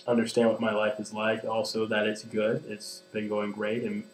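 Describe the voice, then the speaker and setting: Earnest, hesitant young man, low flat voice. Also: normal speed. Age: 20s. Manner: earnest, hesitant, many ums and restarts. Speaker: vlogger. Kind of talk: personal confessional vlog. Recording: echoey room with mains hum.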